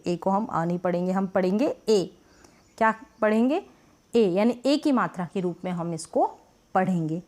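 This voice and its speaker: A woman teaching beginners to read English, patiently repeating each point and asking herself rhetorical questions. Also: on the high side. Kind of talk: explaining phonics lesson in Hindi.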